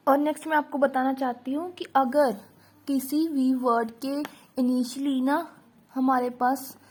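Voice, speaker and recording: A woman gives a shorthand lesson at an unhurried pace. Her voice sits fairly high, and she says each example word aloud again and again. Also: steady tone, darkish tone. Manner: slow, repeats example words aloud, mixes English into Hindi. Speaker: shorthand teacher. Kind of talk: casual tutorial explaining shorthand.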